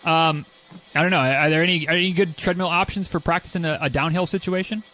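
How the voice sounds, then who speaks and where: Higher-voiced man, rambling podcast host. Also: steady tone, fast, bright, forceful tone. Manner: rambling, repeats words while forming questions. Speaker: podcast host, running coach. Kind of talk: casual interview conversation.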